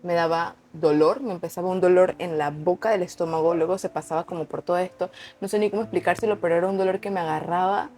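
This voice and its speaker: A woman's voice: on the low side, steady tone, fast talker, few pauses, warm tone, slight background noise. A young woman telling her personal testimony in an unscripted, conversational way, earnest and repeating words for emphasis. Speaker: vlogger sharing a personal testimony.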